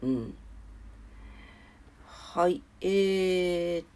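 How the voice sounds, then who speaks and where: A woman's voice: on the low side, extremely slow, dark tone. A woman with a congested, nasal voice hosting a casual morning radio-style show in a polite, chatty way. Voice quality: nasal, stuffed-up voice. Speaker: solo morning audio show host. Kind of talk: casual morning radio-style chat with weather and daily notes.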